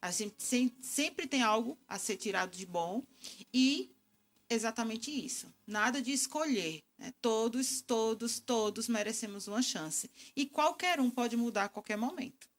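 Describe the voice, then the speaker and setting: Calm, reflective mother explaining. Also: a little high, measured pace. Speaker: guest communication expert. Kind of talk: studio interview answers.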